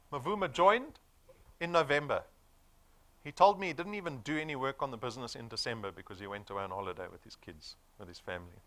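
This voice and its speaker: Fairly high in pitch, his tone bright and forceful, a South African sales presenter of forty gives a motivational business talk. He persuades with emphasis and keeps asking rhetorical questions.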